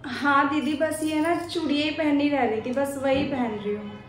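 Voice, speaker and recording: A woman playing a meek, polite young bride in a family skit drama, speaking softly and respectfully. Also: high-pitched, moderate pace, echoey room, slight background noise, natural voice. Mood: resigned. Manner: soft, yielding, speaks respectfully. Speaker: daughter-in-law.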